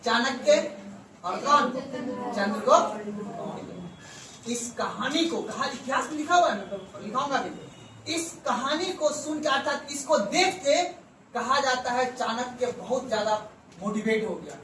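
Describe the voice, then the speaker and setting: A man's voice: very high-pitched, lively intonation, measured pace, pushed and bright. A male history teacher giving a classroom lecture, who keeps asking the class questions, answers them himself and repeats key words for emphasis. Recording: echoey room from far off with faint background hum.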